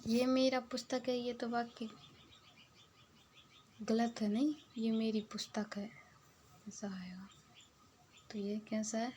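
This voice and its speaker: A woman teacher with a higher voice reads out exam questions and then explains each answer. She drops into a soft whisper now and then. A faint background hum sits under the recording. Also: little pitch movement, takes it slowly, pauses often.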